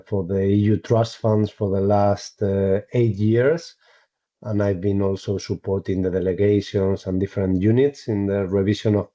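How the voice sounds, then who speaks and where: A man from Spain introducing himself as a platform ambassador on a video call, in a measured, matter-of-fact way. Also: low-pitched, dark tone. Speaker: webinar guest, platform ambassador. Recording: muffled video call audio.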